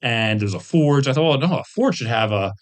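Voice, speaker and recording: With a mid-range, animated voice at a fairly quick pace, a man tells rambling anecdotes that poke fun at himself, adding jokey asides. He's a tabletop game designer and webcomic artist appearing as a guest in a casual interview.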